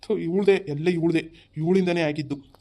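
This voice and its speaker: A man's voice: a little high, flat delivery, brisk, warm tone, lightly acted. A man, playing a frustrated husband who scolds his wife after losing his savings in a village family drama. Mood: upset. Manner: scolding, exasperated. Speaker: actor.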